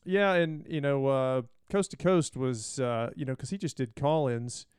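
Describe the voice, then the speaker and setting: A man co-hosting a podcast in casual chat, relaxed and rambling with lots of fillers. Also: medium pitch, measured pace, clear, resonant tone, no echo, studio quality. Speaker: podcast co-host.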